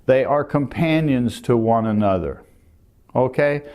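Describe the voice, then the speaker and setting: An older man teaching meditation, explaining calmly and gently while pointing to a diagram. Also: mid-range voice, unhurried. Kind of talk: calm spoken lesson.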